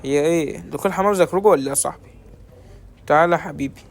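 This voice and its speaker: A young man with an Egyptian accent giving quick, joking commentary while playing a shooter game. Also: fairly high pitch, gravelly, background noise. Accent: Egyptian Arabic. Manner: quick, joking banter at enemies and teammates. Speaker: gaming creator. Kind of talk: live gaming commentary. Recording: game gunfire in background. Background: loud gunshots and clicks.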